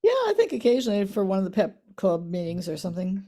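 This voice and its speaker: A woman in her eighties, reminiscing in a casual family interview, soft-spoken, her voice trailing off quietly at the ends of lines. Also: mid-range voice, wildly swooping pitch, fast talker. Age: 80s. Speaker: interviewee, the mother.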